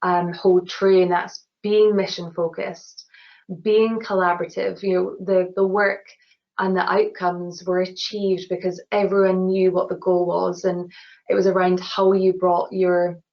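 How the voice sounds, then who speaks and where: A woman from Glasgow, an award-winning engineer appearing as a webinar guest, answers questions earnestly in her Glasgow Scottish accent, full of "you know" and restarts. Her voice is on the low side, flat and measured, and the webinar audio is dull and lo-fi.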